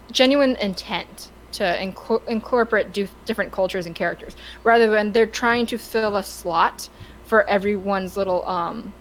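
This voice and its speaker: A female podcast co-host talks casually and shares her opinions, often stammering and restarting her sentences. Her mid-range voice comes through a low-quality recording with a little hiss or hum.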